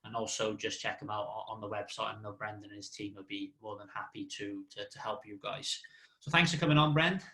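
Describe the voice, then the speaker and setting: A man's voice: fairly low pitch, fairly even intonation, fairly quick, pushed and bright. A man hosting a question and answer session, speaking informally with hesitant phrasing. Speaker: host. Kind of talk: presenting a Q&A session. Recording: echoey room sound.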